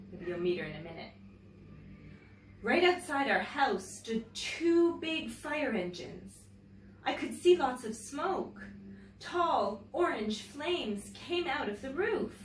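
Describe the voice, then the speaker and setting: A high-voiced woman teacher reads a picture book to young children, her delivery expressive and carefully phrased, broken up by chatty remarks to them. The audio sounds roomy and distantly miked, with a little background noise.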